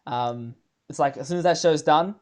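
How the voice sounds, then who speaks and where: A young man, hosting a casual live chat, excitable and full of fillers. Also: on the high side, moderate pace. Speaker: host.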